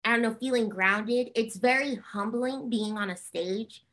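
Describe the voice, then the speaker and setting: This singer and actor from Harlem and New Jersey answers interview questions in a relaxed, gushing way, with an eastern US sound. Her pitch is fairly high, her pace a little slow, and her tone a bit bright.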